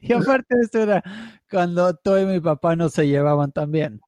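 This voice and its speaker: A man chats casually and answers in short, teasing replies. His voice sits a little high. The sound is dry and close. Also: animated, normal speed, darkish tone, dry recording. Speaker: podcast co-host. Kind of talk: casual chat.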